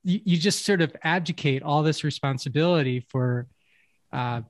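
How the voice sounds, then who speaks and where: A man's voice: fairly high pitch, normal speed, no room sound. A man co-hosting a casual talk show, thinking aloud in a reflective way with restarts and fillers. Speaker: podcast co-host. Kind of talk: casual conversational chat.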